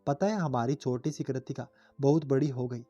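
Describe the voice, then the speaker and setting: A man voicing a caring young woman speaking softly to her brother. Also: mid-range voice, normal speed, no echo, lo-fi sound, soft background music, natural voice. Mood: gentle.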